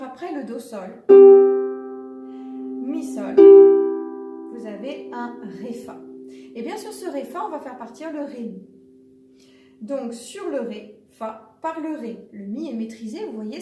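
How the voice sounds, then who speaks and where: A woman's voice: fairly high pitch, roomy sound, distant mic. A woman giving a patient, step-by-step piano lesson, counting the beats aloud as she plays. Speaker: piano teacher.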